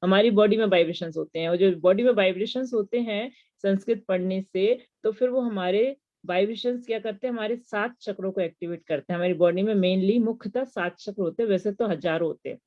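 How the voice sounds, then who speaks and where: A woman's voice: mid-range voice, fairly quick, few pauses. Woman religious teacher, explanatory lecture voice with rhetorical questions, slightly dull lo-fi audio. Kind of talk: devotional lesson on mantras.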